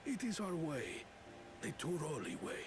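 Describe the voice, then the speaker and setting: A man's voice: on the high side, huge pitch swings, a little slow, noisy background. A man playing a proud, earnest villager in a video game, stately and sincere about tradition. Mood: reverent. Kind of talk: video game cutscene acting.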